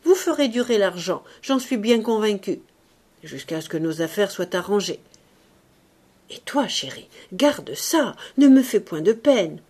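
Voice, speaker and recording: A woman's voice: mid-range voice, sing-song, unhurried, a little mellow. A woman reading aloud, voicing a doting, self-reproaching aging man who speaks urgently and pleadingly. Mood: insistent.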